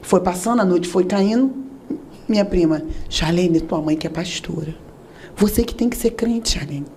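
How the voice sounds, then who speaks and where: A woman telling a church testimony with animated storytelling, acting out the voices of the people and prayers she quotes. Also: medium pitch, slight background noise. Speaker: testimony speaker.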